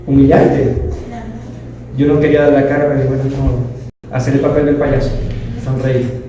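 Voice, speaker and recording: A man's voice: mid-range voice, level tone, moderate pace, dark tone, a little hiss or hum. A man in his thirties giving a personal testimony to a class, telling it emphatically and often correcting himself mid-sentence. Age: 30s. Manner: emphatic, storytelling, self-correcting. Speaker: leadership class participant. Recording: very echoey room, distant mic.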